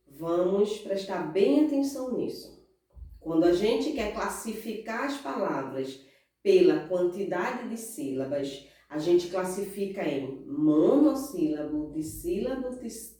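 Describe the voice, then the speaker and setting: A woman with a Brazilian Portuguese accent teaching a recorded class, slow and patient, stretching out stressed syllables and asking the pupils questions. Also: mid-range voice, dark tone. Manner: asks pupils questions and answers in their voice. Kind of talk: recorded remote class lesson. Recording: roomy echo, far from mic.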